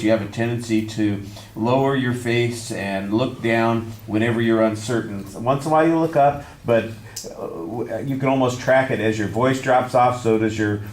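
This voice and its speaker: A man, a speech instructor, giving measured, constructive feedback on a student's speech with frequent fillers. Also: lowish voice, a little mellow, reverberant. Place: classroom.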